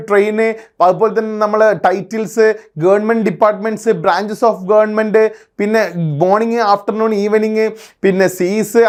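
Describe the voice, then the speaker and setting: A man with a strikingly high voice teaches grammar for an entrance exam. He keeps asking his listeners questions and answers them himself, switching between Malayalam and words. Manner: quizzing listeners with rhetorical questions; mixing Malayalam with English terms. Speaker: English teacher. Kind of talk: exam-prep lecture.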